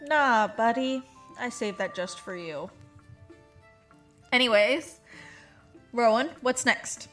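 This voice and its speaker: An actress playing a blunt, teasing medical student talking with friends. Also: female voice, a little high, animated, takes it slowly, a bit bright, faint music behind. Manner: blunt, teasing, matter-of-fact.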